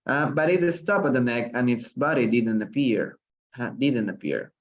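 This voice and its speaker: Slow-talking Peruvian English teacher. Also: male voice, medium pitch, lively intonation. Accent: Peruvian Spanish. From Peru. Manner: explains step by step, questions the chat. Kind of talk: live online English reading lesson. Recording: slightly dull, lo-fi livestream audio.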